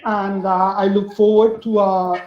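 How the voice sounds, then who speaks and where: A man speaks slowly and haltingly on a video call, filling his speech with "uh". The sound is dull and echoey, like a laptop in a bare room. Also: high voice, flat delivery. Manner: halting, full of "uh" fillers. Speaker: participant. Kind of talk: brief thanks on a video call.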